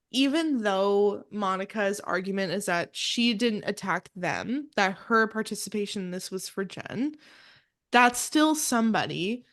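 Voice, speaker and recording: A woman's voice: mid-range voice, expressive, measured pace. A young woman co-hosting a podcast in casual chat, full of "like" and "um" fillers and frequent laughs. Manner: chatty, many "like" and "um" fillers, laughs often. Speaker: podcast co-host.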